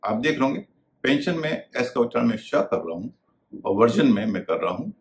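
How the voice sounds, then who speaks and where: A man's voice: mid-range voice, very animated, moderate pace. A man teaching English pronunciation in a video lesson, spelling out words letter by letter.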